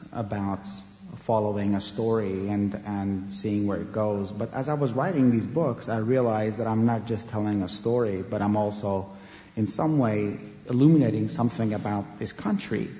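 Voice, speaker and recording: A man's voice: lowish voice, dark tone. A man who grew up in Afghanistan, speaking as an author being interviewed, thoughtful and hesitant with many fillers and restarts. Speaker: author, guest. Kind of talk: interview conversation. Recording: roomy, dull with long reverb.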